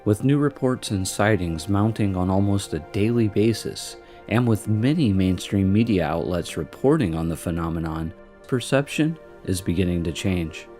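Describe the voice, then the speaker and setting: A man with a very low voice narrates a documentary in a measured, scripted way. Soft music plays quietly beneath him. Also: animated. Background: faint music.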